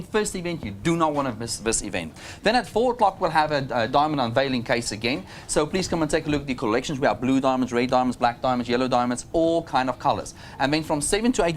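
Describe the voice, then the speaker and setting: A man's voice: fairly high pitch, a little hiss or hum. A man with a South African accent, enthusiastically promoting shop events like an upbeat salesman. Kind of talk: upbeat promotional announcements in chat.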